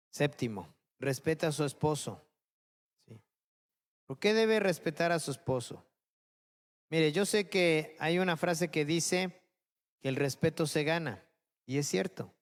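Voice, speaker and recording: Pastor preaching with constant questions. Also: male voice, fairly high pitch, unhurried, gravelly, long pauses. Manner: keeps checking in with listeners, asking rhetorical questions. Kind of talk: sermon.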